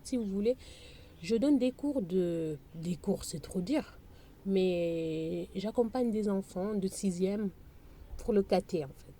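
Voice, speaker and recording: A woman's voice: lowish voice, warm tone, slight background noise. A woman chatting casually to her viewers about budgeting, often hesitating and breaking into playful sing-song teasing. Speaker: budgeting vlogger. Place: on her balcony, outdoors.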